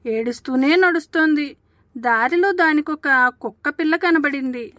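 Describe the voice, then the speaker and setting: A woman telling a children's story to a child as a storytelling aunt, in a gentle, sing-song way. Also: high voice, unhurried, dry recording.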